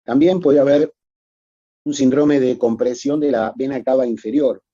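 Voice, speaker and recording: A man's voice: mid-range voice, steady tone, normal speed, mellow, dry recording, muffled recording. A man giving a recorded medical lecture, explaining methodically and addressing students formally.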